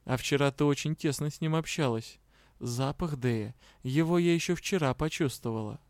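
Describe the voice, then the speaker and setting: A man's voice: a little high, normal speed, no echo, studio quality, natural voice. A man reading an audiobook, voicing a stern, jealous female academy curator.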